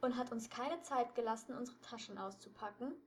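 A woman's voice: fairly high pitch, a little fast, darkish tone, a little hiss or hum, natural voice. A woman voicing a sensible, observant teenage boy detective who speaks plainly. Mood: calm, defensive.

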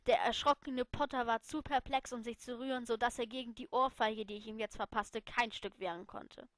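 A woman's voice: fairly high pitch, steady tone, a little fast, no room sound. Woman reading a first-person story aloud. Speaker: reader.

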